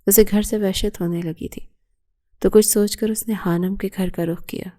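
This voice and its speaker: A woman narrates a romantic audio novel with a steady storytelling read. Her pitch stays flat and even, and her tone is soft and mellow.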